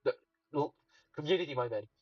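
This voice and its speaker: A young man commentating a game competition play-by-play, halting with fillers and restarts, then breaking into excited shouts. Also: a little high, no room sound. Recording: distant dull mic with faint music.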